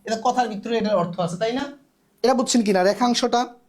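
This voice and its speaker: A woman's voice: fairly high pitch, brisk, darkish tone. A woman teaching a live online math class, patiently repeating key terms and checking that students understand.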